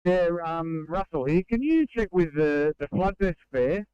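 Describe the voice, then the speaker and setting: A man's voice: a little high, expressive, measured pace, darkish tone, smooth, no echo, muffled recording. A man with an Australian accent calling in over a two-way radio as an emergency crew member, hesitant, with fillers and restarts. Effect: heard over a two-way radio. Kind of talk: radio call.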